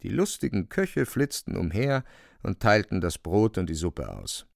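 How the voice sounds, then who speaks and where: A man narrating a radio drama in a vivid, expressive storytelling manner. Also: low voice, measured pace, gravelly, dry recording, clean studio sound.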